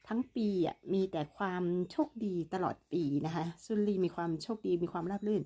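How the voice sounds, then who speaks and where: Mellow-voiced woman teaching Chinese. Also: fairly low pitch, fairly quick. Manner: explains patiently, repeats words, acts out both dialogue parts. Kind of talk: bilingual language lesson, reading a dialogue.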